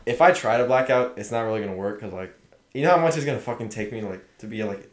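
A man's voice: fairly low pitch, fast, echoey room. A young man guesting on a casual podcast, laid-back and swearing casually as he talks. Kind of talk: casual chat.

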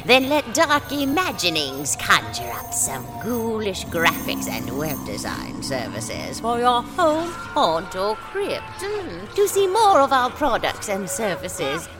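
A woman voicing a sultry, spooky horror hostess with a breathy vintage purr in a scripted radio ad. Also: medium pitch, wildly swooping pitch, takes it slowly, few pauses, full character voice. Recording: music bed behind the voice.

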